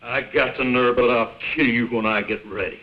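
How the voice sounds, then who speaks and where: A man's voice: medium pitch, steady tone, normal speed, background noise, natural voice. An actor playing a leering, swaggering crook who taunts his captive in slangy talk, in the style of an old crime film. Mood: angry, threatening. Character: menacing, leering male crook holding a woman captive. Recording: muffled old film soundtrack, music underneath.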